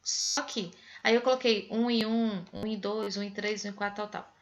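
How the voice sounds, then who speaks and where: A woman's voice: mid-range voice, steady tone, moderate pace. A woman math teacher with a Pernambuco Brazilian accent, explaining a lesson in an online class and patiently counting through examples step by step. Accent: Pernambuco Brazilian Portuguese. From Northeast Brazil. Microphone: video call.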